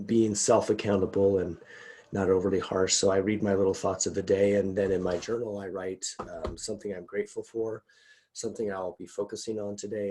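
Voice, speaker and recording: A man's voice: deep voice, a little mellow, slightly rough. A man, a guest executive coach, chatting casually over a video call from his home, rambling and laughing often.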